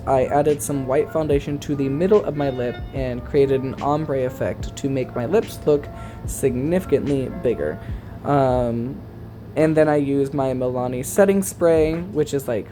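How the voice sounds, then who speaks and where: A man talking as a sassy, campy, chatty drag queen in a casual makeup tutorial voice-over. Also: medium pitch.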